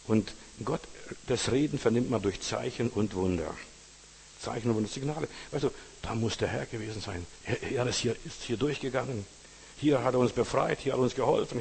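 A man's voice: mid-range voice, creaky, darkish tone, breathy edge, big-room sound. A man preaching a sermon informally, speaking to the listener as a friend and retelling parables. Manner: informal, addresses listener as du, retells stories with acted quotes.

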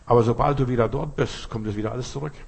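A husky-voiced man in his fifties or older, whose first language is Lithuanian, delivers a sermon. He drives each point home with repetition and talks straight to his listener, at a middle pitch. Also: very fast. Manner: emphatic, repetitive preaching that addresses the listener directly. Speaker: preacher.

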